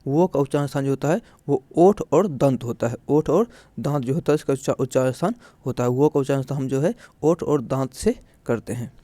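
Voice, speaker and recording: A man's voice: mid-range voice, brisk, few pauses, mellow, no echo. Man teaching a patient step-by-step lesson. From India. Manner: repetitive, explaining step by step with filler phrases. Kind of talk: classroom grammar lesson.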